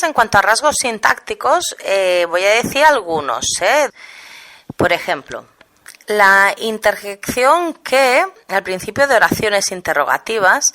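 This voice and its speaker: A woman's voice: fairly low pitch, sharp tone. A young woman from Catalonia with a Catalan accent, explaining Spanish features in an online lesson and demonstrating pronunciations. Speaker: Spanish teacher.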